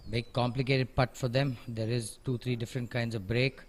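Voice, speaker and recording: A man's voice: medium pitch, level tone, normal speed, slight background noise. A man giving conversational live golf commentary, analysing each shot and offering encouraging remarks.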